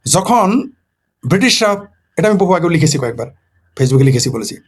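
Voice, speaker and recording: A man's voice: on the high side, big pitch swings, normal speed, breathy edge. A man from Bangladesh, a political commentator in a casual late-night monologue who poses rhetorical questions and answers them himself.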